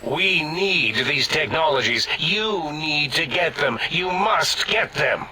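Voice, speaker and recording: A man's voice: fairly high pitch, lively intonation, takes it slowly, background noise. An actor voicing a pompous, imperious male scientist in a video game, given to sudden outbursts. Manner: blustering, imperious, with sudden shouts. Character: pompous, bossy male scientist brain, quick to temper.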